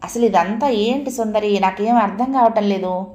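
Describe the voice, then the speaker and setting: A man's voice: sits high, a little slow. A woman reading a novel aloud and voicing a bewildered young man who anxiously coaxes his weeping lover. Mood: anxious coaxing. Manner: anxious, coaxing questions. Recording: roomy echo.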